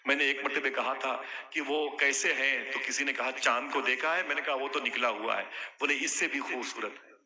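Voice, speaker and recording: A man giving an emotional sermon in storytelling style, acting out the dialogue and rising to loud calls to the gathering. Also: medium pitch, steady tone. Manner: acts out dialogue, rises to loud calls to the crowd. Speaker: preacher. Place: gathering with a crowd. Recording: crowd audible behind the speaker.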